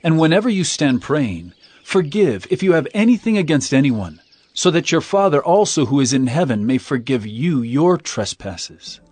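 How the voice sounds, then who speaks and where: An actor playing Jesus as an earnest, commanding teacher in a solemn, declamatory dramatized scripture reading. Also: male voice, a little high, sing-song, moderate pace, darkish tone. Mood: earnest teaching. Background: music.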